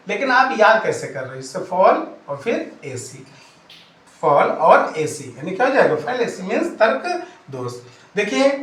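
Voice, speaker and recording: A male English teacher giving a vocabulary lesson, slowly spelling each word out letter by letter and often checking with his students. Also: sits high, fairly bright tone. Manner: spells words letter by letter slowly, keeps asking "right?". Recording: roomy sound from some distance off the mic.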